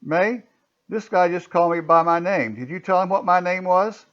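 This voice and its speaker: Plaintive, befuddled clerk, read by a man; raised pitch, dull lo-fi recording. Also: moderate pace, fairly bright tone. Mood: bewildered. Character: flustered, simple-hearted grieving motel clerk.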